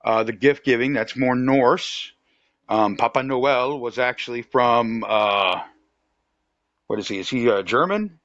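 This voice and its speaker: Relaxed man hosting a podcast chat. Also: medium pitch, measured pace, no echo. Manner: easygoing, reflective, many fillers and restarts. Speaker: podcast host. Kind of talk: casual conversation. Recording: dull lo-fi dry sound.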